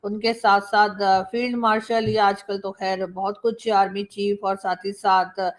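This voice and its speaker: A woman's voice: mid-range voice, level tone, a little slow. A woman giving casual political commentary, chatty, with rhetorical asides.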